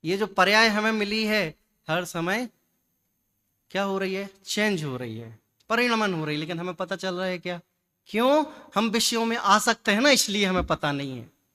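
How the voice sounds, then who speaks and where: A man giving a religious discourse, lively and full of rhetorical questions and repetition. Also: sits high, normal speed. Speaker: Jain scholar giving a discourse.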